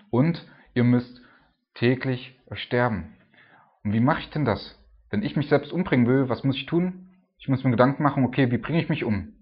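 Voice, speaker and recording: A man preaching a sermon in a conversational way, often tagging his sentences with a questioning "ne?", swinging between emphatic rises and hushed drops. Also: mid-range voice, breathy edge, lo-fi sound. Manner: conversational, frequent tag "ne?".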